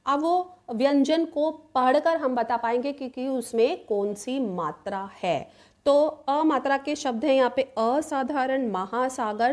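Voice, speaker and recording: A woman with a high, bright voice teaches a grammar lesson at an easy explanatory pace. She keeps posing questions to the viewer and answering them herself, pausing to check in with a steady "okay" between points. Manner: repeats 'ठीक है' often, asks questions then answers them.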